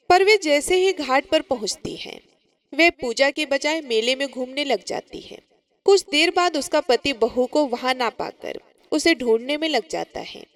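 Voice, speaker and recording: High-voiced woman telling a devotional story. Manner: steady, storytelling delivery.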